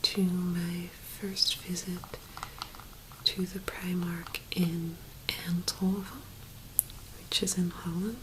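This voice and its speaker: A woman speaking in a soft, hushed whisper, gently presenting an ASMR tapping video. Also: on the low side, level tone, slow pace, noisy background.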